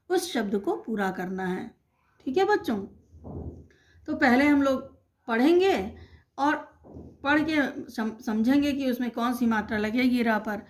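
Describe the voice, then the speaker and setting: A woman teaching young children, slowly spelling out words sound by sound with patient repetition. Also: high voice. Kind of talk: online primary-school lesson.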